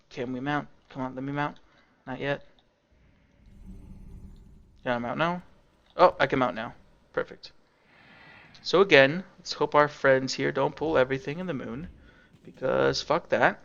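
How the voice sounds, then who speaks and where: A man's voice: medium pitch, a little slow, vocal fry, pauses often, a bit bright, dull audio. A young man giving casual, sarcastic commentary over his own gameplay, swearing freely as he explains what he is doing. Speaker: game streamer.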